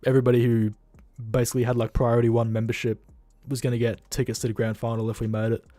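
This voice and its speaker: Tired Australian man, dark voice. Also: medium pitch, level tone, quick pace, no room sound. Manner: rambling, blunt, swears freely. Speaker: livestream host. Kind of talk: casual livestream chat.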